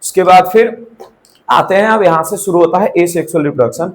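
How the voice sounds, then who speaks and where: High-voiced man teaching a class. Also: moderate pace, low-quality recording. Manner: checks in with students often; mixes English terms into Hindi. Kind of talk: live classroom lecture.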